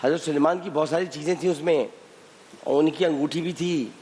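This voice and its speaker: A man's voice: a little high, brisk, darkish tone. Impatient male quiz host, studio reverb. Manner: impatient, needling, repeats commands. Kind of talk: teasing, pressing quiz hosting. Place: TV studio with live contestants. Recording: long studio reverb, faint hiss.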